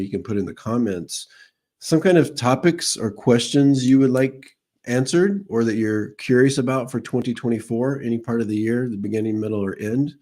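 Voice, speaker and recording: A man with a low, mellow voice hosts a relaxed live stream as a psychic medium, speaking into a streaming microphone. He rambles loosely, greeting viewers by name and chatting before he takes questions.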